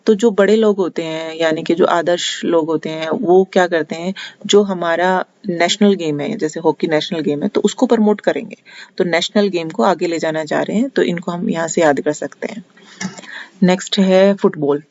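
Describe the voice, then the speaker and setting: A teacher with a Haryanvi accent walks through memory tricks for a general knowledge lesson, patiently restating each point with frequent pauses. The voice sits at an ordinary middle pitch. The recording is dull and lo-fi with a dry, close sound. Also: darkish tone, no echo. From Haryana, India.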